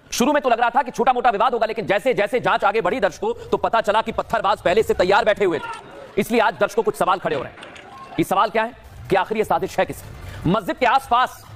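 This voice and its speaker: A man's voice: sits high, fairly bright tone. A male news anchor delivering emphatic, dramatic commentary full of rhetorical questions to viewers.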